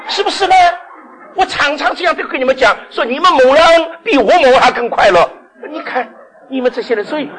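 An older man preaches a sermon in a husky voice, his pitch leaping up and down as he talks. He keeps asking the congregation questions and laughs now and then, switching between loud and quiet.

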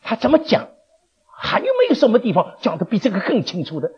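Very husky, lively man teaching Scripture. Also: high-pitched, quick pace. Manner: animated, asks the group questions, chuckles often. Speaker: Bible study teacher. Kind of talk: teaching a Bible class, questioning the listeners. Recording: dull lo-fi recording.

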